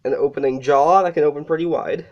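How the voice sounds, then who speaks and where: A casual toy reviewer who sounds sick and a bit out of breath. The voice is mellow and relaxed, and the speaker stops to correct themselves along the way. The recording is dull and lo-fi. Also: mid-range voice, fast talker. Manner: casual, with fillers and self-corrections.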